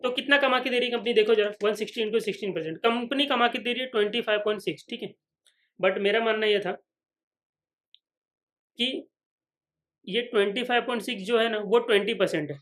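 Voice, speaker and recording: A man's voice: high voice, brisk, long pauses, a bit bright. A man teaching a finance lecture at a whiteboard, who repeats each point and keeps checking that the students follow. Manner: voices imagined students' questions.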